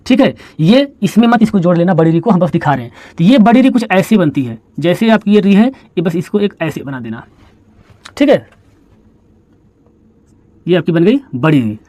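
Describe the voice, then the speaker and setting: A male Hindi teacher gives a board lesson, posing questions and answering them himself in a call-and-response style, with playful stories about letters. His high voice is mellow, has big pitch swings and moves at normal speed with long pauses, in a dry recording.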